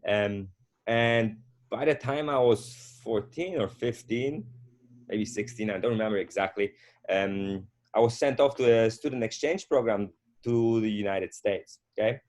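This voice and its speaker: Middle-aged man, lowish pitch, easygoing guest telling a long story. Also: darkish tone. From Poland. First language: Polish. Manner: unhurried, with frequent fillers and restarts. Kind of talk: casual conversational storytelling.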